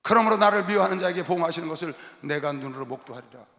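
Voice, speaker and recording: A man preaching a sermon as pastor, shouting and leading the congregation in call-and-response. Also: on the high side, lively intonation, racing. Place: large arena hall. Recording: roomy long-reverb arena sound.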